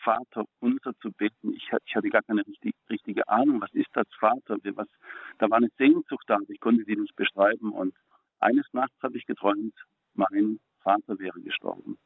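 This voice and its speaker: A middle-aged man giving an earnest personal faith testimony as a guest, speaking haltingly and repeating words when moved. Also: fairly low pitch, steady tone, dry recording. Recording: phone-like, narrow and dry.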